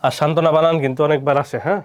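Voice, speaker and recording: A man teaching an exam-prep lesson, asking questions and answering them himself, repeating each word twice. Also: on the high side. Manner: quizzing, answers his own questions, repeats words.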